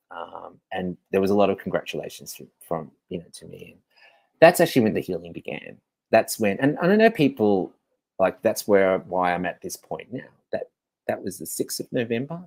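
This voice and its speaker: Deep husky guy hosting, rambling confessional talk, dry close sound. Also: a little mellow, no echo. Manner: candid, rambling, swears freely. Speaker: host. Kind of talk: confessional monologue.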